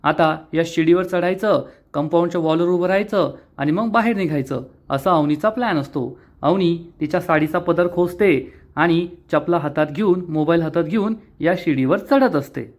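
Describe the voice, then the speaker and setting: A man's voice: a little high, moderate pace, few pauses. A man narrating a recap of a TV serial episode, retelling the story with quoted dialogue.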